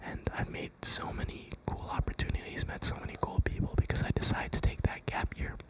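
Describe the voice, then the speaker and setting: In a slow, comforting pep talk delivered entirely in whispers, a young adult ASMR creator sounds soft and reassuring throughout.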